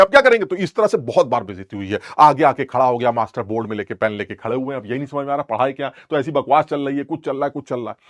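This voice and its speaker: A man's voice: mid-range voice, no room sound, clean studio sound. A young male chemistry teacher, rambling and joking as he scolds his students playfully. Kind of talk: lecture with teasing asides.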